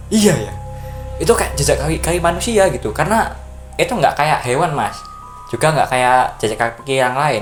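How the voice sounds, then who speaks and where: A man from Java, a podcast guest, casually telling a story in an animated way, acting out voices and sound effects. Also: mid-range voice. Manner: animated, acts out voices and sound effects, keeps addressing the listener.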